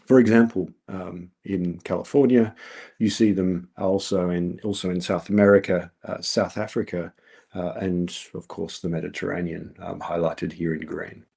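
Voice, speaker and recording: A middle-aged Australian researcher gives a scientific colloquium talk over a video call, explaining steadily with many ums and uhs. His deep voice is warm, creaky and a little breathy, with fairly even intonation at a normal speed.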